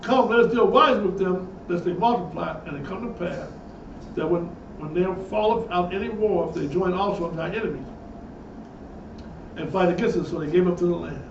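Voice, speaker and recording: A man's voice: sits high, brisk, creaky, noisy background. A man preaching, reading passages aloud and breaking in with emphatic asides. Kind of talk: sermon with read-aloud passages. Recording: echoey, distant, dull lo-fi sound.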